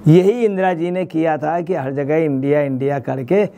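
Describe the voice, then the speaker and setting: Man, senior journalist, news commentary, gravelly, dark tone, emphatic. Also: fairly high pitch, steady tone, moderate pace. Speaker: senior journalist, political analyst. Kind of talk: news studio political commentary.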